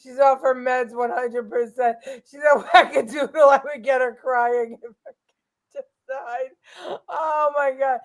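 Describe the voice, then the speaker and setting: A woman's voice: sits high, steady tone, measured pace. A woman comedian co-hosting a casual talk show, who laughs constantly and shrieks at the clips. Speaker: co-host, comedian.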